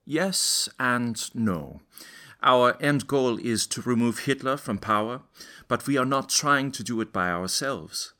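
An actor in his 20s plays an earnest young student who leads a resistance group, explaining things step by step as the guest in a dramatized historical interview. His medium-pitched voice is unhurried, bright and forceful.

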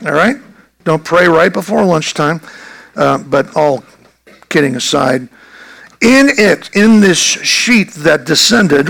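A man's voice: on the high side, vocal fry, fairly bright tone. A male pastor preaching a sermon in a conversational, emphatic way.

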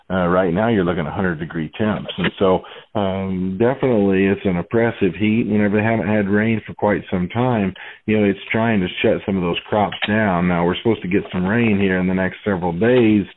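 Deep voiced guy on a tinny phone line, chatty market analyst, lots of you know and uh. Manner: rambling, full of "you know" and "uh". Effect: over the phone. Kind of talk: casual interview talk.

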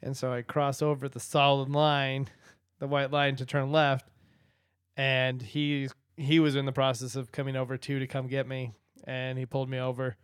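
A man's voice: mid-range voice, flat delivery, moderate pace, clean tone, dry recording, clean studio sound. A man co-hosting a casual podcast, telling a rambling story and laughing often. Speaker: podcast co-host. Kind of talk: casual chat.

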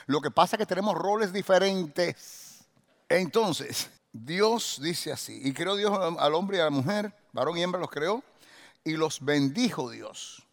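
A man preaching a sermon, asking the congregation rhetorical questions and swinging from quiet teaching to loud, shouted exhortation. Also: on the high side. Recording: long hall reverb.

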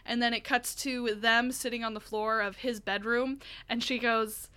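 A woman's voice: on the high side, steady tone, normal speed, bright, forceful tone, clear, resonant tone. A woman co-hosting a casual podcast, retelling a video with lots of giggling, still getting over a cough. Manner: giggly, retells stories animatedly. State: lingering cough. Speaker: podcast co-host. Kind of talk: casual chat.

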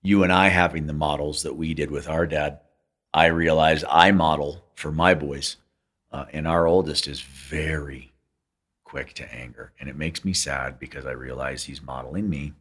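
A man's voice: rumbling low, steady tone, normal speed, a bit bright. A man co-hosting a podcast, speaking earnestly and reflectively in casual conversation. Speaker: podcast co-host. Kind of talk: casual chat.

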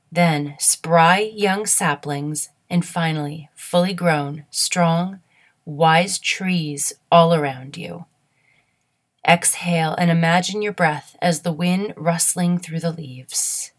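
A woman with a fairly low-pitched voice guides a meditation, giving instructions in a soothing, measured way.

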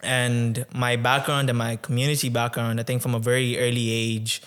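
Podcast guest, man in his 20s from Tanzania; smooth, even voice, easygoing and thoughtful, lots of "um". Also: medium pitch. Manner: relaxed, many "um"s, measured and reflective. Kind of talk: conversational interview.

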